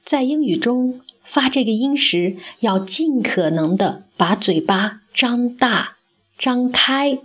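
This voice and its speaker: A woman teaching English pronunciation in a scripted phonics lesson, speaking slowly and carefully and demonstrating sounds for the listener to repeat. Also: a little high, lively intonation, a bit bright, slightly rough, highs cut off.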